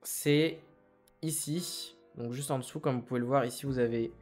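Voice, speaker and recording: A French-speaking man hosting a software tutorial, explaining each step calmly and reassuringly. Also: medium pitch, moderate pace, faint music behind. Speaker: tech tutorial host. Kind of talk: screen-recorded tutorial.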